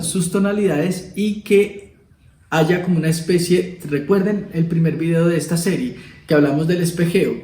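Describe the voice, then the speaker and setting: Mellow-voiced man explaining to camera. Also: on the high side, roomy sound, rough recording. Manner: demonstrative, acting out emotional tones of voice. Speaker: video host teaching communication. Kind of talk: casual explanatory talk to camera.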